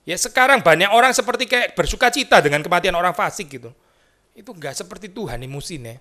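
A male pastor preaching a sermon in church in a conversational way, mixing in English terms and moving between hushed asides and emphatic rises. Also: high voice, lively intonation, fast talker. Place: church sanctuary.

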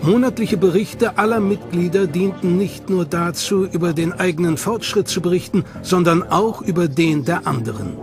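Over clear background music, a male narrator with a notably high voice reads a documentary script with dramatic, suspenseful emphasis. Recorded on a studio mic, he speaks at normal speed with hardly any pauses.

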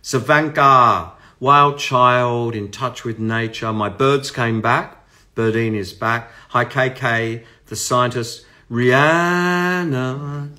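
An Australian musician in his sixties talks slowly in a mid-range voice, rambling affectionately to his livestream viewers. He speaks close into a phone camera from a room at home lit with party lights, while guitar music plays loudly behind him.

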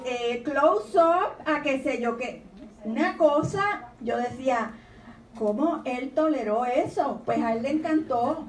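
Woman author reading her poems to a room, kinda high voice, lilting questions, echoey far-off recording. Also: slight background noise. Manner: expressive, reads questions in a lilting storytelling tone. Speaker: children's author giving a talk. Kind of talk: panel talk reading her poems aloud. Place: university library lecture room.

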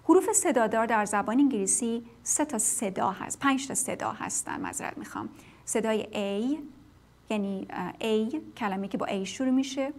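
Woman TV language teacher, slightly high-pitched, patient, explanatory, self-correcting. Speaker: English teacher. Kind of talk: televised language lesson.

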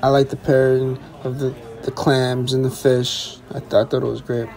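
A young man, a chef and vlogger, casually talking through a restaurant tasting menu with excited repetition and restarts. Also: mid-range voice, normal speed, creaky, some chatter behind. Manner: enthusiastic, repeats words, restarts.

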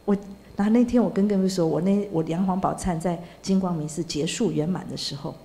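A woman's voice: on the low side, brisk, mellow. A woman, a Buddhist nun, giving a sermon in a storytelling way, dropping in Hokkien words and tag particles.

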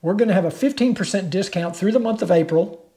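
Mellow-voiced older man vlogging from home. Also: sits high, fast. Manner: plain-spoken, persuasive, conversational. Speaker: motorcycle channel host. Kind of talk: direct-to-camera vlog. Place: living room at home.

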